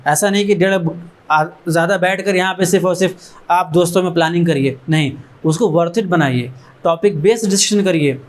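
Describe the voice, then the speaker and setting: An education trust's founder talks to students in a learning centre room at a normal pace, his voice high. The talk is earnest and motivational, built on runs of short phrases repeated to urge them on.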